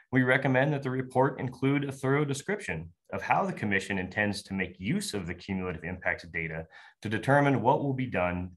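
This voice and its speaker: A man reading a formal, steady prepared public comment over a video call. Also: fairly low pitch.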